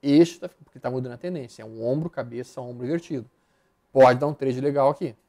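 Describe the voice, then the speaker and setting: Speaking at a slightly quick pace, a man with a mellow, medium-pitched voice and a Brazilian Portuguese accent talks through charts in live stock market commentary. He's blunt and slangy, repeating words rapidly as he moves from one chart to the next.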